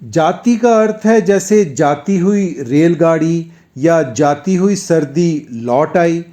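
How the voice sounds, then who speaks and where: Slow, deliberate man teaching pronunciation. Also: on the high side, expressive, mellow. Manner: slow, deliberate, drawing out sounds for practice. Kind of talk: scripted lesson narration.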